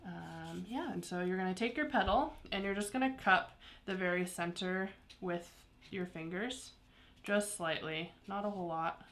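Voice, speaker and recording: A woman's voice: on the low side, moderate pace, a bit bright. A woman teaching a paper craft live, explaining each step in an easygoing way with small laughs. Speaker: craft instructor. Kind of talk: live craft tutorial chat.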